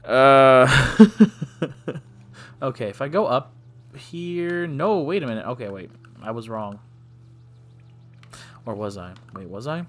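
A man's voice: mid-range voice, animated, slow, pauses often, fairly bright tone, faint music behind. A man giving casual let's play commentary, joking and self-deprecating, often sighing. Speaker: gaming channel host.

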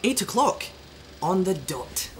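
A man's voice: sits high, big pitch swings, takes it slowly, noisy background, heavily acted. A man playing a fussy, proud train buffet worker who talks in a chirpy, sing-song way and chuckles often in a children's TV show.

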